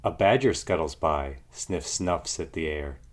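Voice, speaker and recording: A man reading a children's picture book aloud in an expressive narrating style. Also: rumbling low, measured pace. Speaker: storybook reader.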